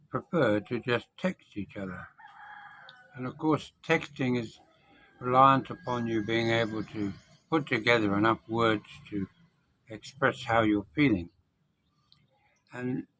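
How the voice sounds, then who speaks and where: A man with a lowish voice talks with missing teeth. He gives advice off the cuff, vlog style, reflective and measured, leaving deliberate gaps between phrases. There is noticeable noise behind him. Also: a bit bright, lo-fi sound. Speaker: vlogger. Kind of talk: unscripted advice monologue to camera.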